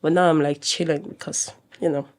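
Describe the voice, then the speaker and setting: A woman's voice: sits low, brisk. A woman with a Nigerian accent, a model chatting as a podcast guest, laughing often and slipping into Pidgin. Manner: laughing, animated, mixes in Pidgin. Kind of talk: casual interview.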